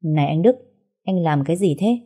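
A woman's voice: low voice, expressive, fairly quick, dark tone, slightly rough, exaggerated voice. A woman voicing an indignant elderly father who scolds his son-in-law. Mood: stern. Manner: stern and breathless with anger.

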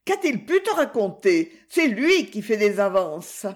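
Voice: medium pitch, wildly swooping pitch, a little slow. A reader voicing a young female dancer who defends herself earnestly in an audiobook. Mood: defensive. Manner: pleading and defensive. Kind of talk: audiobook reading.

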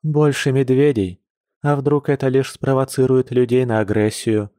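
A man voicing an anxious, tender young woman who is a bear shapeshifter, speaking softly with sighs. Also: medium pitch, fairly even intonation, moderate pace, no room sound, studio quality, voice pushed up, close to an everyday voice. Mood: worried.

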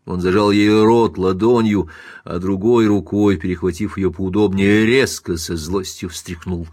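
A man narrating a classic novel as an audiobook in a dramatic, measured reading. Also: deep voice, fairly even intonation, a little mellow, no echo, clean studio sound.

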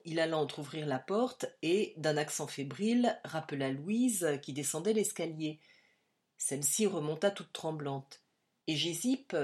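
A woman narrating a classic short story for an audiobook in a measured, expressive reading style. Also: on the low side. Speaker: audiobook reader.

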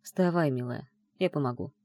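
A tender, teasing male mage who murmurs low and close, confident and a little amused, as a woman reader puts him on. The voice sits below her own, dark and mellow, in a dry, close recording. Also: lively intonation, brisk, no room sound. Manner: soft, low, hushed murmur. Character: gentle teasing self-assured male mage.

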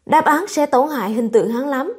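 A woman's voice: high-pitched, brisk, lightly acted. A woman voicing a blunt, proud young swordsman who brushes women off, in a storybook reading. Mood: dismissive. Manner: dismissive, blunt.

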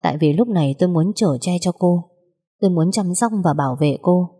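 Storybook young male suitor, steady and teasing, read by a woman, husky lowish voice. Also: brisk, in a large hall. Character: young man, calm, teasing, persistent suitor.

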